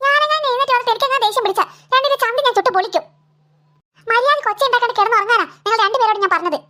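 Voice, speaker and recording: A woman's voice: very high voice, very fast, pushed and bright. A woman voicing a weary cartoon mother who keeps scolding her two quarreling daughters, in a nagging, exasperated way. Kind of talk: cartoon voice acting.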